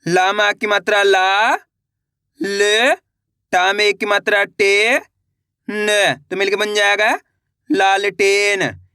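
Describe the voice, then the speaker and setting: A man teaching reading, sounding out each syllable slowly before joining it into a whole word. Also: high-pitched, level tone, bright, forceful tone, clear, resonant tone, dry recording, studio quality. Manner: slow drawn-out sounding out of syllables, then brisk coaxing to the class.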